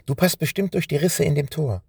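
A man voicing a young prince who hides in danger, speaking in hushed, urgent pleas in a storybook reading. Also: medium pitch, lively intonation, normal speed, creaky, slightly rough, no room sound, clean studio sound. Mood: pleading. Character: young male prince, frightened but determined.

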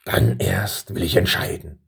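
A man's voice: sits low, vocal fry, slightly rough, full character voice. A man voicing an old king who halts and hems through his ceremonious speeches to his two sons. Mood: solemn. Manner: halting, ceremonious speeches full of pauses.

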